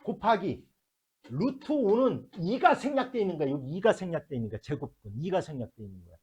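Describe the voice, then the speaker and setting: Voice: medium pitch, very animated, fairly quick, darkish tone, slightly rough, lo-fi sound. A math teacher lecturing a classroom, working through problems step by step and constantly checking whether the students follow, mixing blunt casual talk with polite endings.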